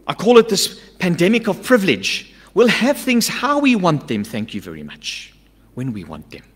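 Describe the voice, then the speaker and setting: A middle-aged man preaching a sermon from a church stage into a stand mic, emphatic, swinging between urgent loud lines and hushed asides. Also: high-pitched, huge pitch swings, moderate pace, breathy edge. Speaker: pastor. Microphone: stand mic at a pulpit. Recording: long church-hall reverb.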